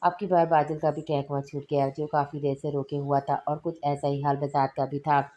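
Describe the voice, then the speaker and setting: Low, flat-voiced woman reading a novel. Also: moderate pace. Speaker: audiobook narrator. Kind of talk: reading a romance novel aloud.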